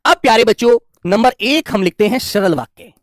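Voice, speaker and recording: Reassuring Hindi grammar teacher, dry sound. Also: male voice, high voice, lively intonation, no room sound. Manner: affectionate and reassuring, keeps calling students "dear children"; dictates slowly word by word while writing. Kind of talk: online exam-prep grammar lesson.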